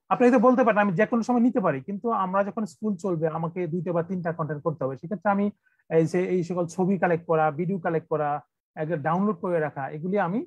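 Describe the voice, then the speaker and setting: A man from Bangladesh runs an online computer training for teachers over a video call. He explains each step, repeats himself often and fills pauses with "uh". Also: sits high, no echo. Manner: instructive, repetitive, many "uh" fillers.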